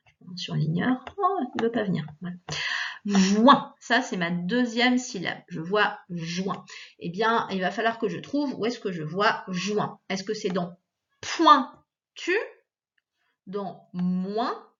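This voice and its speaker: A woman's voice: fairly high pitch, a bit bright, muffled recording. A woman teacher leading a recorded reading lesson for children, patiently sounding out syllables one at a time. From France.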